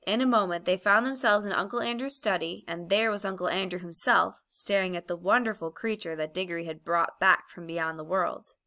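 Bright-voiced woman reading a storybook. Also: lowish voice, a little fast, few pauses. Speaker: audiobook reader. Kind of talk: storybook narration.

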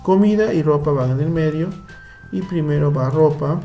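Over a lo-fi screen recording with faint music behind him, a man with a Peruvian Spanish accent patiently guides children through a computer lesson one step at a time, often adding tag questions. He speaks at a normal speed in a slightly high, creaky, warm voice.

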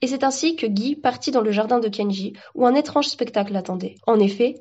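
A woman reading a children's story aloud in calm storybook narration, on a dull lo-fi recording. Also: a little high, brisk, husky.

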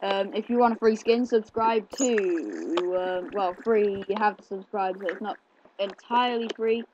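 A man's voice: high voice, animated, a little slow, a little mellow, a little hiss or hum. A male gameplay host rambling casually through commentary, full of fillers. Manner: rambling, chatty, with many fillers. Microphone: desk mic picking up keyboard clicks. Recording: slightly dull home recording with keyboard clicks.

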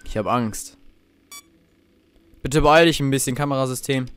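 A man's voice: mid-range voice, moderate pace, a bit bright, clean tone. A young man commenting on a horror video game as he plays, talking to himself, swearing and getting jumpy. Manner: jumpy, swears, talks to himself under his breath. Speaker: let's play host.

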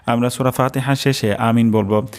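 A man teaching careful pronunciation, breaking words into syllables and repeating sounds slowly. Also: medium pitch, fairly even intonation. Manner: drawn-out melodic chanting when reciting verses. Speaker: Quran recitation teacher. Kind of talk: slow pronunciation lesson.

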